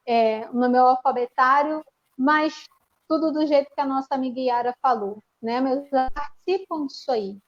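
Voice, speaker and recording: A woman teacher with a Brazilian Portuguese accent, presenting to an online panel by video call from home, explains a classroom activity amid many restarts and fillers. Her voice is high-pitched and somewhat mellow, captured with lo-fi sound.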